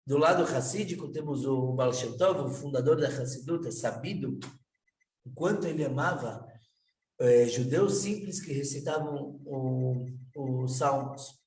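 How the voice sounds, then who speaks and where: A man, a rabbi, telling a story in an unhurried, animated way with halting restarts. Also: medium pitch. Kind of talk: storytelling talk. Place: out and about near kosher shops. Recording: echoey, from a distance.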